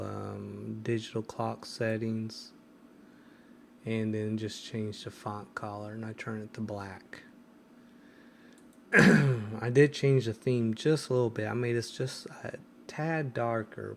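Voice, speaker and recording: A man's voice: fairly low pitch, gravelly, a little hiss or hum. A man hosting a casual screen-recorded tech tutorial, hesitant and full of ums and restarts. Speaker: tech video host.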